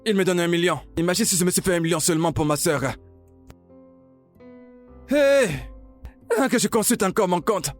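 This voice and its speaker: A man dubbing an excitable young man who shouts with glee over money and stammers in repeats, for a French film dub. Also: high-pitched, normal speed, pauses often, faint music behind, lightly acted. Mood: gleeful. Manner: loud, exclaiming, stammering repeats. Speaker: dubbing actor.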